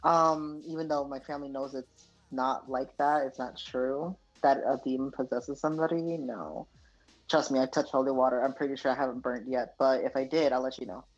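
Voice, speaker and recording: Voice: mid-range voice, fairly even intonation, moderate pace, dull audio, soft background music. A guest poet from the United States talking earnestly in a casual interview, with many fillers and restarts.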